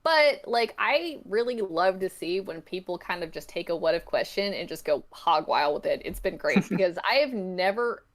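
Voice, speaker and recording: Talking casually about her own creative work as a podcast guest, this woman has a lower voice and an animated delivery. She speaks at a normal speed with few pauses, keeping the interview chat informal as she tells her story.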